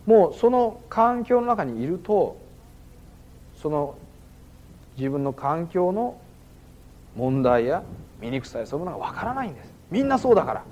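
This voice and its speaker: A man's voice: on the high side, very animated, a little slow, pauses often, mellow, muffled recording. A man giving a sermon as a pastor, conversational and dotted with fillers, in a church hall. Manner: conversational preaching with frequent "ano" fillers.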